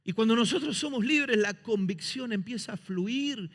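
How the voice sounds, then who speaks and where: A man's voice: very high-pitched, lively intonation, normal speed, fairly bright tone. A man preaching a sermon as pastor, impassioned, mimicking excuses and quoting scripture. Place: church sanctuary. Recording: reverberant church hall.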